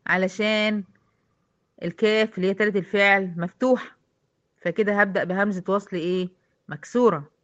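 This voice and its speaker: A woman's voice: mid-range voice, fairly quick, long pauses, a bit bright, dull audio. A woman with an Egyptian accent teaching a recitation lesson, patiently quizzing her female students step by step. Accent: Egyptian Arabic.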